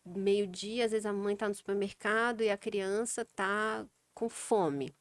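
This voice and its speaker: A woman's voice: medium pitch, unhurried, no echo. Brazilian woman explaining stuff practically, acts out little scenes, dry sound. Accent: Brazilian Portuguese. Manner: practical, explains with acted everyday examples. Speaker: child sleep specialist guest. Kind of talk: casual interview talk.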